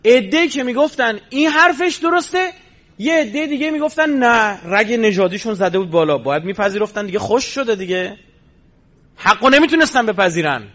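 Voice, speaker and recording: A man with a high voice delivers a religious lecture like a story told to listeners. He pushes some lines loud and emphatic, then drops into low, quick asides. The recording sounds muffled and lo-fi. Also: animated. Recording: dull lo-fi recording.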